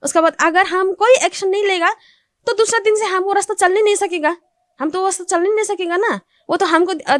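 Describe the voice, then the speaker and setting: A woman's voice: very high-pitched, a bit bright, dry recording, clean studio sound. A young woman recounting an incident to reporters in plain, repetitive Hindi, growing agitated and insistent as she tells it. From Assam. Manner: speaks Hindi with non-standard grammar, repeats "ऐसे बोला". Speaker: complainant interviewed.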